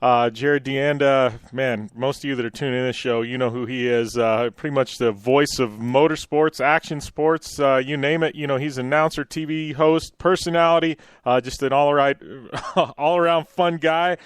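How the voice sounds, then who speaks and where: A man's voice: mid-range voice, steady tone, moderate pace, few pauses, smooth, no room sound, clean studio sound. A man hosting a radio show in a casual, chatty style.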